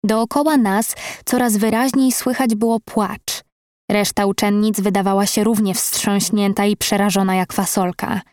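A woman narrating a first-person audiobook in a measured, even storytelling manner. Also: medium pitch, no echo, studio quality.

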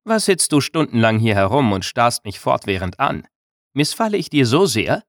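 A man's voice: mid-range voice, expressive, moderate pace, dry recording, clean studio sound, close to an everyday voice. A male narrator voicing a bold, playful young village woman in an audiobook. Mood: teasing. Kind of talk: audiobook character reading.

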